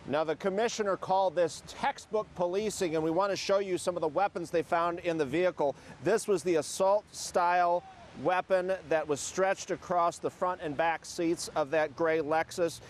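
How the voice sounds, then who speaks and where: Reporting from the field at a moderate pace, a man with a slightly high-pitched voice delivers the news in the style of scripted television journalism. Faint traffic noise from a city street can be heard behind him.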